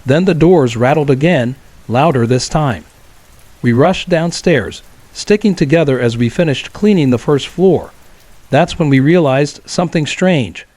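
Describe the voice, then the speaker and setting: A man telling a true horror story as scripted narration, in a calm, measured way. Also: a little high, no echo.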